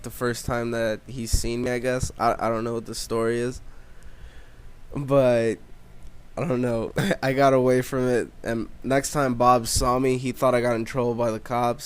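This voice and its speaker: Young man, smooth, rambling storyteller. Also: mid-range voice. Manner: rambling, profane, filler-heavy delivery. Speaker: vlogger. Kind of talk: casual storytelling.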